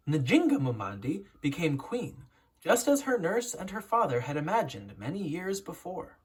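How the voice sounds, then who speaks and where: An educator reads a children's picture book aloud in a mid-range, slightly husky voice. The delivery is storytelling and instructive, with deliberate emphasis.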